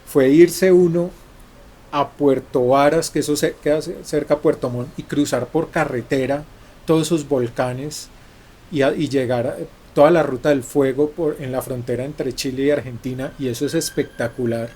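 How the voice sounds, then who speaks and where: Colombian man telling travel stories, mellow voice. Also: medium pitch, fairly even intonation, moderate pace. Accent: Colombian Spanish. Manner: restarts and repeats words while telling travel stories. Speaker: journalist guest. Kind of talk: conversational storytelling interview.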